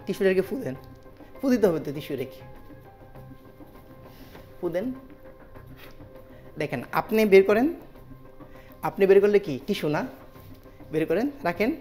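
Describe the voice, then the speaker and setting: A woman's voice: mid-range voice, very animated, a little slow, long pauses, warm tone, faint music behind. A woman performing as a magician in kids party style, coaxing a participant through interactive tricks with magic chants and patter.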